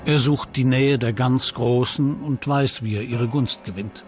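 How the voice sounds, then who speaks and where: A man's voice: medium pitch, unhurried, darkish tone. Male documentary narrator over music.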